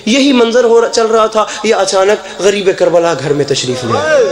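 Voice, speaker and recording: Fervent high-voiced preacher in an echoey hall. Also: male voice, lively intonation, a crowd in the background. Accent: Pakistani Urdu. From Pakistan. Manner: declamatory and fervent, rising into emotional outcries. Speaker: zakir preaching at a mourning gathering. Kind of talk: impassioned majlis sermon. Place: live religious gathering in a hall. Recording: echoey hall over a PA system.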